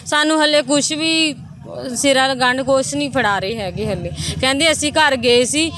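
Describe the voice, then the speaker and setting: Bereaved wife, Indian Punjabi accent, high-pitched female voice, interview testimony to news reporters. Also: moderate pace, crowd noise.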